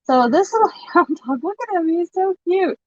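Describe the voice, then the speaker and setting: A woman's voice: very high voice, animated, normal speed, a little mellow, no room sound. A woman hosting a live online vintage sale, chatting casually and laughing often as she shows items. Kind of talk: casual live-stream selling chat. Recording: dull lo-fi stream audio.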